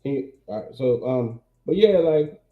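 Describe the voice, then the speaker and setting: A man's voice: mid-range voice, lively intonation, moderate pace. A man speaking on an online call whose voice comes through muffled, as if through a wall, with many fillers and restarts. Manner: thinks aloud, frequent fillers and restarts. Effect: muffled, as if heard through a wall. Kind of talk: casual opinion talk. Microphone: remote call mic with something covering it. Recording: muffled, phone-like, echoey mic.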